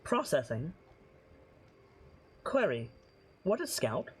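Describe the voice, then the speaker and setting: A man, the game master, voicing a clipped robotic custodian drone in flat machine-like announcements. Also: fairly high pitch, slow, slightly rough, full character voice.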